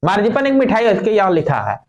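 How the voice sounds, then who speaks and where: With a voice that sits high and swings hugely in pitch, a man teaches a class over a crowd in the background. He explains an English textbook passage in Hindi, reading phrases slowly, explaining them fast, and checking with students.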